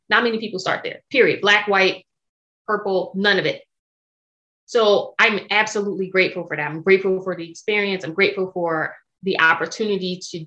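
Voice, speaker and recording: The muffled recording captures a bright, forceful, mid-range female voice. She's an interview guest, an American sommelier and entrepreneur in her thirties, who talks candidly and with emphasis, swearing without holding back.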